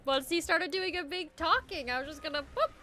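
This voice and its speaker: A woman's voice: high-pitched, fairly quick, pushed and bright. A woman chatting casually and playfully as a player in a tabletop game.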